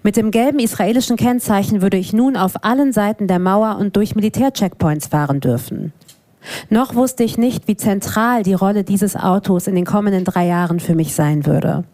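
A woman in her thirties from Hamburg, Germany, speaks in a mid-range voice at normal speed. At an event venue before an audience, she introduces herself in a relaxed way with some fillers, then reads her own prose from her book steadily.

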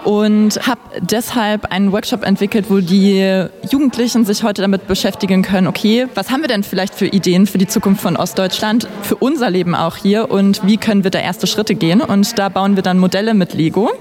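A woman's voice: medium pitch, steady tone, fairly quick, few pauses, a little mellow. A woman from East Germany, workshop leader, talks reflectively about her work. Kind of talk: interview statement.

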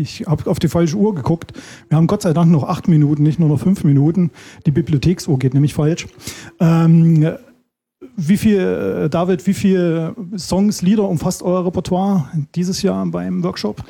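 A man's voice: on the high side, moderate pace, dark tone. A man hosting a casual live interview, friendly and a bit hesitant with fillers. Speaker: interviewer, host.

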